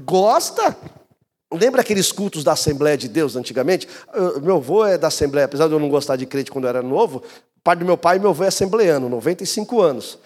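Animated, husky-voiced São pastor preaching. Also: male voice, fast. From Brazil. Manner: animated storytelling, swings between high and low pitch. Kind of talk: sermon. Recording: reverberant church hall.

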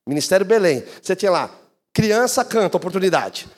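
A man, a pastor preaching a sermon and telling stories with lively swings of voice. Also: fairly quick. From Brazil. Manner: animated storytelling, swings between high and low pitch. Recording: reverberant church hall.

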